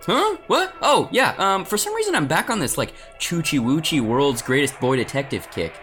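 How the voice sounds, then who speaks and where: Audio comedy scatterbrain adventurer, male actor: highish, lively swings, flippant, excitable. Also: normal speed, soft background music. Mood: distracted, excited. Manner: animated, flippant. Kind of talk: scripted audio comedy acting.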